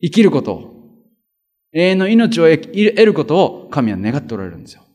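A man preaching as a pastor, in a lively, colloquial way with vivid sound words. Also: on the high side, moderate pace. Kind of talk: conversational sermon.

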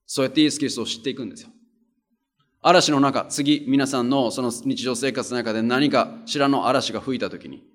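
Talking fairly quickly in a mid-range voice, this male pastor reads from scripture and delivers a sermon in an easy, conversational way. Earnest and plain, he hammers his points through repetition.

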